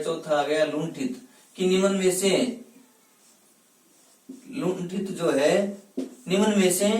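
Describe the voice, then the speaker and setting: A man teaching Hindi grammar in a classroom-style lecture. He asks questions and answers them himself, and he sounds out letters slowly one at a time. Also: high voice, a little mellow. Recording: echoey room, voice from a distance.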